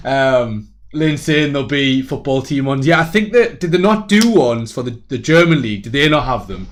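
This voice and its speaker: Young male host, rambling casual chat over a video call, mid-pitched. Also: a little fast, slight background noise. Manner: rambling, relaxed, reads out viewer comments.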